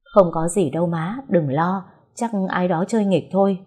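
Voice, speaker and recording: A woman's voice: lowish voice, moderate pace, darkish tone, breathy edge. A woman voicing a commanding young master, the son of a rich house.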